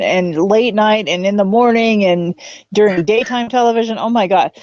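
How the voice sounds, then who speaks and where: A woman's voice: medium pitch, a little mellow, dry recording. A woman in her forties, a tarot reader guest chatting casually, joking and laughing often. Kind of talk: casual live-stream chat. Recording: dull lo-fi stream audio.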